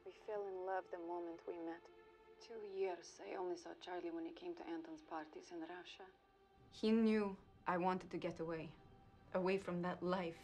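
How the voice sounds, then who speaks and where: An actress playing an earnest young Russian woman, a suspect speaking in a measured way in a TV crime drama. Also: on the low side, fairly even intonation, darkish tone, soft background music, close to an everyday voice. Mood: earnest, pleading. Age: young adult. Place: interrogation room set, indoors.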